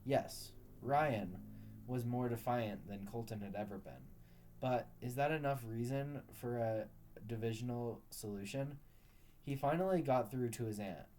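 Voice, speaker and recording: A man reading a story aloud at a steady, unhurried pace. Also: medium pitch. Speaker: narrator.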